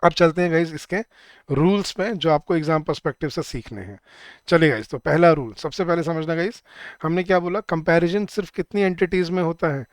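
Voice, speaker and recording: A man leads an exam-prep grammar lesson, moving between Hindi and English. His voice sits a little high, and the sound is dry and close. He asks questions and answers them himself, reading the example sentences slowly. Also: no room sound. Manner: slows down when he reads out the example sentences. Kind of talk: online exam-prep class.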